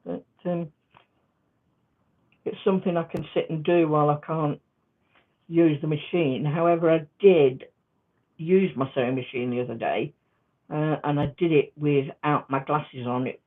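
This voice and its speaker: A woman chatting casually in a quilting vlog, rambling and halting with many restarts. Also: low-pitched. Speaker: quilting vlogger. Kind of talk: casual crafting vlog chat. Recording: tinny phone-like sound.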